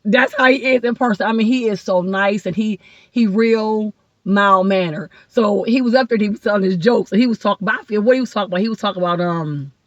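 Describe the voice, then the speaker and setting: A woman from Ohio, a guest comedian, telling rambling, excited stories in casual podcast chat. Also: mid-range voice, quick pace, no room sound. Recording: dull lo-fi dry sound.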